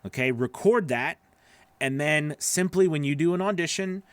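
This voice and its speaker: The host is a middle-aged man and voice-over coach offering easygoing advice on live viewers' questions, emphatic and regularly checking in. His voice is a little high and smooth, at a moderate pace. He sits in a small indoor home studio, close to a broadcast microphone on a boom arm, and there's no room sound.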